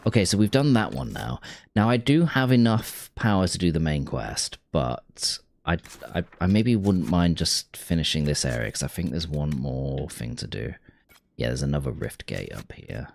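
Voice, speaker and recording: A man's voice: very deep voice, sing-song, moderate pace, vocal fry. A man chatting casually while streaming a game, rambling and restarting his sentences. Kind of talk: casual gameplay chat with chat.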